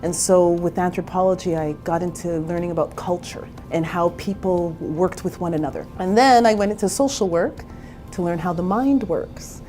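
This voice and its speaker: A woman's voice: on the low side, steady tone, moderate pace, dark tone, soft background music. A woman in her forties from Canada, a therapist and entrepreneur, telling her own story in a candid, chatty interview. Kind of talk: personal interview.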